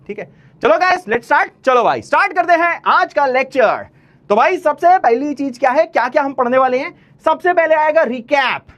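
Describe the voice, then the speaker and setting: A man's voice: high-pitched, a bit bright. A male maths teacher giving an online lecture, chatty and teasing, pushing his students with blunt encouragement. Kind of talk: online maths lecture, motivational pep talk.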